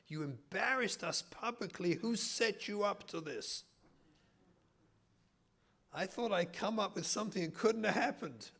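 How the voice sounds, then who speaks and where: A rabbi, a middle-aged Englishman with an English accent, speaks at medium pitch to an audience in a community hall. His talk is humorous, built on stories and mock-indignant asides.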